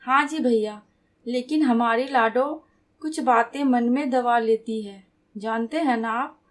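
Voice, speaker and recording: A woman voicing a young wife, a gentle sister-in-law who teases the family. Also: on the high side, measured pace, natural voice. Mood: teasing.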